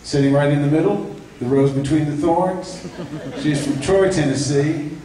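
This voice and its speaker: A man introducing his vocal ensemble at a live concert, halting with fillers and light jokes. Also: fairly high pitch, dark tone. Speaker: ensemble director introducing singers. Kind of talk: live concert emcee talk. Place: church sanctuary. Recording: echoey church, distant mic, faint noise.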